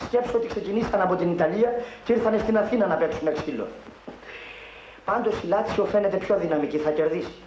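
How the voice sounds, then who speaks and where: A man's voice: high-pitched, a little mellow, slight background noise, close to an everyday voice. An actor playing a broke, wisecracking young man who dreams of getting rich, talking in glib jokes. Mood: joking. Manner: joking, glib, mock-Italian banter. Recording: dull, roomy 1960s film sound.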